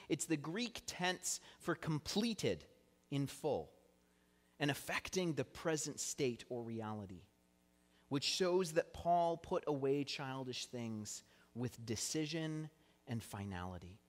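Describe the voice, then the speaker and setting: A man's voice: medium pitch, lively intonation, slow. Young man preaching in a reverberant hall. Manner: earnest teaching tone with light self-deprecating humor. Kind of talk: sermon. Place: church sanctuary.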